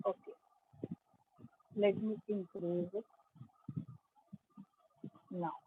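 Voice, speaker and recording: A woman's voice: mid-range voice, fairly even intonation, extremely slow, husky. A woman with an Indian accent teaching a history class over a video call, explaining patiently and checking in with her students. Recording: phone-like narrow sound.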